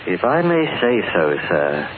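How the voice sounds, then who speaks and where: A man playing a deferential, quietly controlled butler with formal, polite manners in an old-time radio drama. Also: low voice, sing-song, measured pace. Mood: polite, measured. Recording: tinny, noisy old radio recording.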